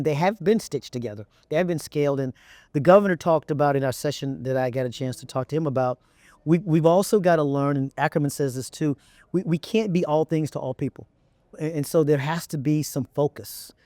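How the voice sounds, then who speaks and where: Warm and medium-pitched, the voice belongs to a middle-aged Texan executive giving conversational answers as an interview guest. He has an American accent and leans on repeated phrases for emphasis. The lapel-mic recording from the indoor event set is dry.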